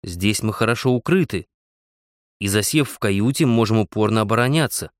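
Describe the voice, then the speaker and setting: A man's voice: lowish voice, moderate pace, no room sound, clean studio sound, close to an everyday voice. A man voicing an earnest, modest young frontiersman who speaks seriously and politely in an audiobook.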